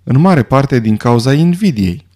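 A man's voice: medium pitch, expressive, darkish tone, lightly acted. A man voicing a blunt, plain-spoken middle-aged detective.

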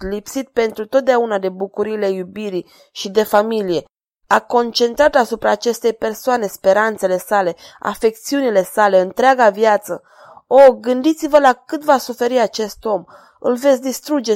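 A woman's voice: fairly high pitch, no room sound, clean studio sound, close to an everyday voice. A woman reading aloud voices a desperate male court jester who begs with a trembling, tearful voice.

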